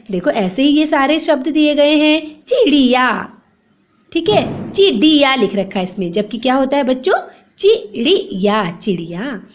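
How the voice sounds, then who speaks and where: A woman teacher giving a grammar lesson to young children, spelling words out slowly letter by letter and asking the class for the right form. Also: sits high. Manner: repeats the wrong form then the right one, quizzing the class. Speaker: primary school teacher.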